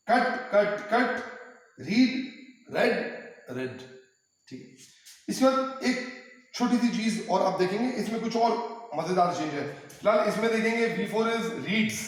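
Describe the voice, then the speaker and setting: A man teaching English grammar in a lecture, drilling pronunciation by repeating each word slowly. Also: high-pitched. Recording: very echoey room with long reverb.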